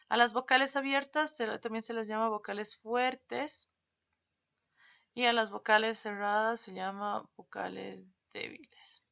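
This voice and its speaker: Woman teacher, bright high voice, patient explainer, dull lo-fi recording. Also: creaky. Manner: explains patiently, stretches example words slowly. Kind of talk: recorded spelling lesson.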